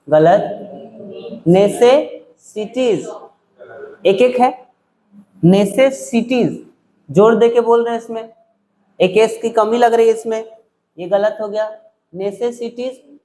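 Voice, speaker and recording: A male teacher, taking students through spelling in an exam-prep English class, repeating words slowly syllable by syllable. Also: high voice, dark tone.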